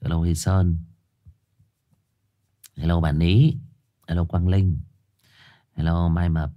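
Deep-voiced man hosting a late-night stream. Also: steady tone, slow, dull audio. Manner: greets viewers by name, chatty and joking. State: stuffy nose, coughing. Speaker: host of a live horror story reading channel. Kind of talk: livestream chat and story introduction.

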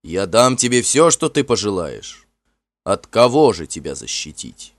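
A proud heroic chieftain, played by a man in a storybook, declaiming loudly with a lifted, lively voice. The voice is dry and close, with soft music behind it. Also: on the low side, measured pace, dry recording, exaggerated voice. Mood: protective. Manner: forceful, declaiming. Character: bold mortal chieftain hero, proud.

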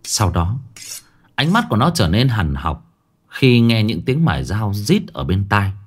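Guy reading a scary story, low voice, really animated delivery, faint music behind. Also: measured pace. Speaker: narrator. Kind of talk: scripted horror story narration.

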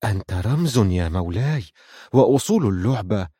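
Man doing a loyal vizier piece, calm, deferential, hesitant, dry. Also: lowish voice, normal speed, husky, no echo.

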